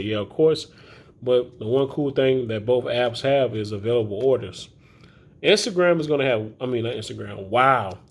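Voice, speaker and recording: A man talking casually to camera in a loose, chatty, rambling way with many fillers, recorded as a phone video. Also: medium pitch. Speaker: grocery delivery shopper vlogger. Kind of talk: casual vlog talk to camera.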